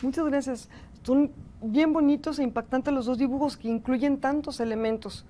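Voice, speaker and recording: A woman's voice: high-pitched, steady tone, moderate pace, dark tone, a little hiss or hum. A woman with a Mexican accent giving a university lecture and thanking participants earnestly. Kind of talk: university lecture with audience feedback.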